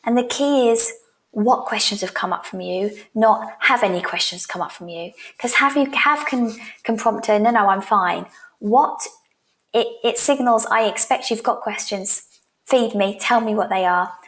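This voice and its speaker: Speaking into a headset mic from a small room in her home, a sales coach in her thirties delivers instructional content in a direct, encouraging manner. Her voice has a medium pitch and a normal speed.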